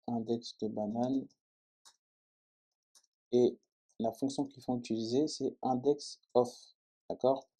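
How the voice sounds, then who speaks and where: A man's voice: mid-range voice, dark tone. French man explaining code step by step. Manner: explains step by step, often checking with "d'accord?". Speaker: programming tutor. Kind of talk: screen-recorded coding tutorial.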